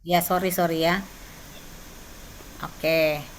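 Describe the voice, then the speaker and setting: A woman's voice: deep voice, steady tone, drawn-out words, slight background noise. A woman leading a church training session online, teaching and sharing personal testimony conversationally, often tagging her sentences. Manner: conversational, frequent tag questions.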